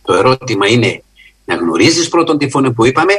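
A man preaching a sermon in an earnest, emphatic way, often rising in pitch and slowing for stress. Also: breathy edge. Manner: earnest, emphatic, with lively rises in pitch and slow stressed phrases.

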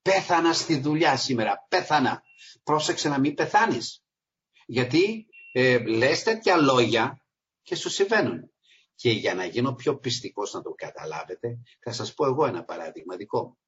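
A man gives an informal sermon, pressing his points with sudden loud emphasis before sinking into quiet, earnest asides. His voice sits at an ordinary middle pitch. The recording sounds dull and lo-fi. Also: sing-song, slightly rough. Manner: emphatic, swings between loud stresses and low asides. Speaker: lay preacher.

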